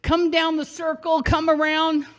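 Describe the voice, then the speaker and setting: On a theater stage, a woman tells a personal story live in a loud, high, projecting voice. She's animated and unhurried, keeping it conversational while acting out shouting and quotes.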